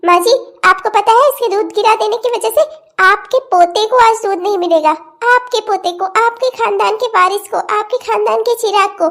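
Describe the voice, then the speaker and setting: A woman voicing a resentful, sharp-tongued aunt in a cartoon comedy, talking back with sarcasm. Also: normal speed. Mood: sarcastic. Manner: shrill, sarcastic, complaining.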